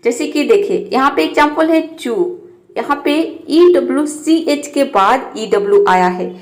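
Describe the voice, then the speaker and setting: A woman teaching English pronunciation in Hindi, spelling out letters and repeating each example word slowly and patiently. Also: sits high. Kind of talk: Hindi-language pronunciation lesson.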